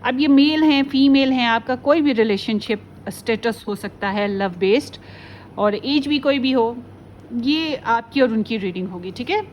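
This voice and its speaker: A woman hosts a relaxed pick-a-card tarot video, speaking in a fairly high voice. She is chatty, sprinkles English phrases through her talk and keeps checking in with her viewers. A faint background noise sits under her voice. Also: measured pace, lo-fi sound. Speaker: tarot reader.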